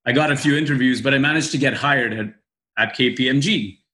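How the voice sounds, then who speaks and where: A man's voice: medium pitch, fairly quick, sharp tone. A man from the UAE, a guest in a casual interview, telling his story candidly with frequent laughs and restarts. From grew up in the UAE. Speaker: podcast guest, managing director.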